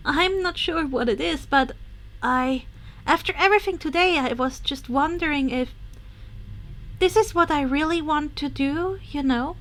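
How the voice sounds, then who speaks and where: A woman's voice: sits high, a little slow, fairly bright tone, voice pushed up. A woman reading a fanfic aloud and voicing a bubbly, gushing teenage villain girl. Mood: wistful. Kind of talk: podfic character voice.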